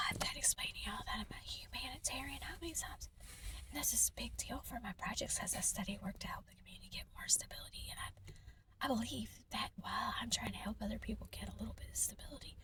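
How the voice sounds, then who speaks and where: A woman's voice: on the high side, fast talker, recorded from a distance. A woman, an artist and content creator, doing a whispered vlog rant at home, rambling and venting.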